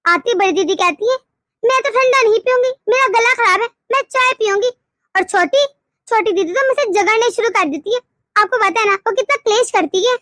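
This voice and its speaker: A woman voicing a complaining, sharp-tongued young wife in a cartoon story. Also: extremely high pitch, a little fast, no room sound, studio quality. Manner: whiny, indignant.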